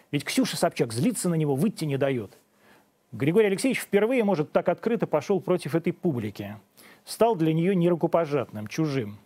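A man's voice: fairly high pitch, warm tone, slightly rough. A man in his forties hosting, delivering a sarcastic opinion monologue and then questioning a guest pointedly. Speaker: host.

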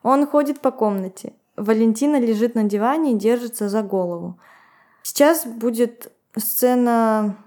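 Female podcast co-host, slightly high, mellow voice, storyteller. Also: moderate pace. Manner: recounts events, laughs and comments.

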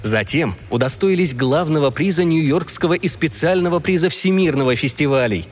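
A man reading a story aloud as an audiobook narrator, in a measured, expressive way. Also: a little high. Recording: long reverb, faint music behind.

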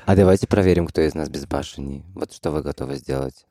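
Guy drag queen just chatting, deep mellow voice, swears loads, trails off in bits. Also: quick pace, dry recording, studio quality. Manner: blunt, heavily profane, loose fragmented phrasing. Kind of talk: casual chat.

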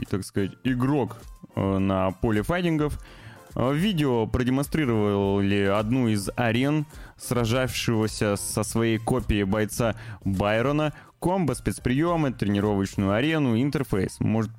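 A man's voice: medium pitch, a little mellow, clean tone. A man hosting a gaming and film news show, commenting informally and hesitantly with ironic asides.

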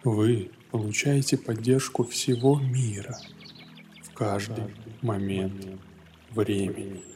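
A man narrating a guided morning meditation in a gentle, soothing yoga-teacher manner, leaving long pauses between phrases. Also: lowish voice, flat delivery, slight background noise. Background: soft music.

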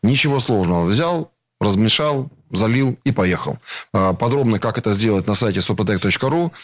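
A middle-aged man, a company executive guest, explaining his product off the cuff with frequent drawn-out hesitations. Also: fairly low pitch, expressive, no echo, studio quality. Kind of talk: unscripted explanatory promotional talk.

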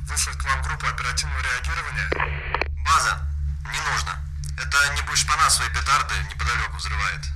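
A man's voice: mid-range voice, quick pace. Guy doing security guards on a walkie-talkie, clicky radio, lots of static hiss, short by-the-book radio talk. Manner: clipped radio procedure talk. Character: night security guards and base dispatcher on radio. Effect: walkie-talkie radio transmission with clicks.

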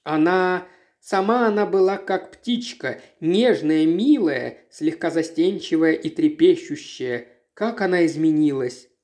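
A reader voicing a timid, soft-spoken sheriff's wife in a read-aloud story. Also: mid-range voice, measured pace, lightly acted. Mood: subdued.

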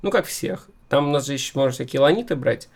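Creaky-voiced man chatting as interviewer. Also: mid-range voice, fast talker. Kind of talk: casual chat interview.

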